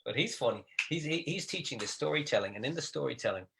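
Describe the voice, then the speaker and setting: Animated man, bright voice. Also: mid-range voice, fast, creaky. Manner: animated storyteller, mimics people he quotes. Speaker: comedian. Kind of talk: casual livestream chat.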